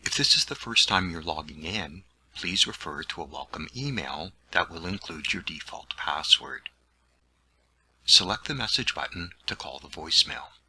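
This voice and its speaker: A man's voice: low-pitched, lively intonation, moderate pace, pushed and bright, slightly rough, low-quality recording. A man narrating a scripted instructional tutorial in a plain, step-by-step way.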